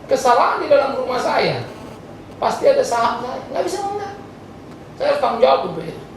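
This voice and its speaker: A male pastor preaching a sermon, with animated, jokey, slangy storytelling in a church hall. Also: very high-pitched, a little fast, slight background noise. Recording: echoey church hall from far off.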